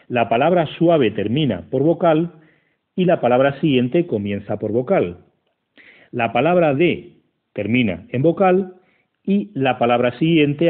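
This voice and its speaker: Man narrating a phone-thin grammar lesson. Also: mid-range voice. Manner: slow, methodical, counting syllables aloud. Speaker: teacher. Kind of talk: scripted educational narration. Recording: tinny phone-like audio.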